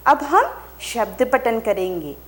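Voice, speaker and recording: Slow, lively woman teacher. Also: a little high. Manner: very slow, drawn-out syllables with repeat-after-me prompts. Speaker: primary school teacher. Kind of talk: slow drilled phonics lesson for young children.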